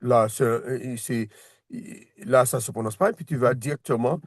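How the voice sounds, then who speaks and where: A man's voice: medium pitch, fairly even intonation, moderate pace, dry recording, clean studio sound. A man teaching a one-on-one reading lesson, patient, repeating words and restarting his sentences as he explains. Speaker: Hebrew teacher.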